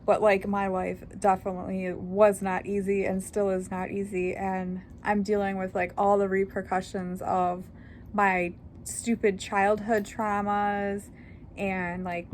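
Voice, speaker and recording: A woman in her thirties chats straight into a camera mic in a casual personal vlog. Her pitch sits in the middle of the range, and she rambles candidly, filling gaps with "like" and "um". A faint wash of background noise runs under the whole take. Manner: chatty, candid, rambling with many fillers. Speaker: vlogger.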